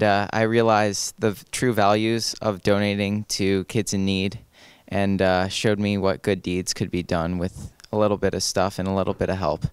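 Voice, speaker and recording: A fifteen-year-old boy speaks easily on a panel, sprinkling in filler words. His low voice comes across very clear and resonant on a handheld mic, with a dry, close sound. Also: dry recording. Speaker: volunteer director. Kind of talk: panel talk. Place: indoor room. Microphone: handheld microphone.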